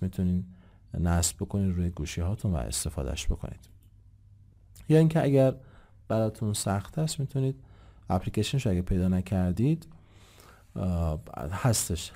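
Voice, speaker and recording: A low-pitched man giving a grammar lesson. His voice is dark and mellow but swings widely in pitch as he explains. He addresses his listeners politely, posing questions and answering them. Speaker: English teacher.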